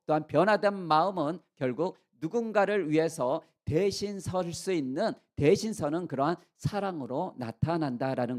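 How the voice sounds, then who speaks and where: High-voiced pastor telling a vivid story. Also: male voice. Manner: animated storytelling with vivid sound effects and acted-out voices; asks the congregation questions and leads shared reading. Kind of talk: sermon.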